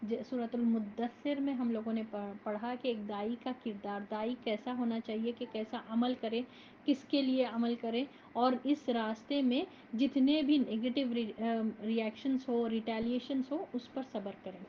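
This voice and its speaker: Measured woman teaching a Quran lesson. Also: fairly high pitch, fairly even intonation, a little hiss or hum. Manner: measured, explanatory, mixes in English words. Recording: dull lo-fi recording.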